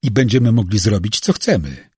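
A man's voice: fairly low pitch, sing-song, moderate pace, a little mellow, slightly rough, no room sound, clean studio sound, full character voice. A man voicing a cocky male kidnapper who speaks in a breezy, self-assured way. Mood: smug.

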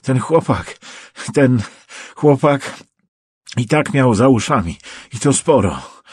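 A man's voice: mid-range voice, lively intonation, takes it slowly, a little mellow, breathy edge, no echo, pitched above the performer's own voice. A man voicing an injured, panicking male prosecutor who stammers and pleads. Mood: panicked.

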